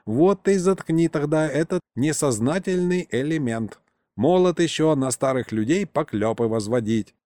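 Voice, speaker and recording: An older man reads an audiobook, voicing a crafty, boastful retired miner who rambles folksily through his tales, sounding offended. The delivery is animated and moderately paced, fairly high and dark in tone, pitched above the performer's own natural voice, with studio quality and no room sound.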